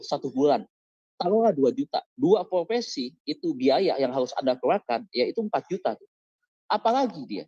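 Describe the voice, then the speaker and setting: A man's voice: a little high, warm tone, husky, no echo, highs cut off. A man preaching as pastor in an online service, exhorting his listeners and firing questions at them. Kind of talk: sermon over an online service. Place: online service on a video call.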